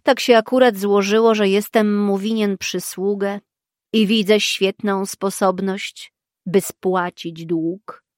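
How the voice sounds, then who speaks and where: Woman playing a composed male monster hunter, slow measured, dry sound. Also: mid-range voice, no echo, close to an everyday voice. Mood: wry. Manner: calm, measured. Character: calm dark-haired male witcher, steady and wry.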